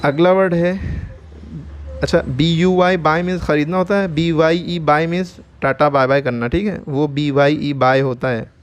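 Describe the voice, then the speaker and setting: Clear-voiced man spelling English words. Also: a little high, fairly even intonation. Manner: spells words letter by letter slowly, repeats each word, often asks "ठीक है?". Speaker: English teacher. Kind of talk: vocabulary lesson, spelling out words.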